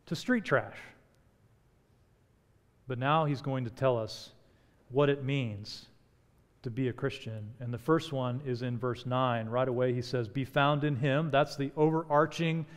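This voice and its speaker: Animated man preaching in a reverberant hall. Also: on the high side. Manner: animated preaching, rising for emphasis and dropping soft and slow on key words. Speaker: pastor. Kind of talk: sermon. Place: large church stage at a pulpit.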